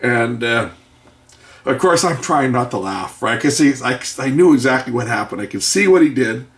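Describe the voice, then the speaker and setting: A man's voice: medium pitch, lively intonation, moderate pace, fairly bright tone. Rambling middle-aged man telling a story. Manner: rambling, wry storyteller with muttered asides. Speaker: video maker and electronics tinkerer. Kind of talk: casual anecdote told while repairing.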